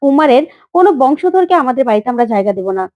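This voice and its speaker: A woman voicing a defiant young woman who scolds her elders in sharp retorts, in a retold serial story. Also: sits high, sing-song, rapid-fire, no room sound.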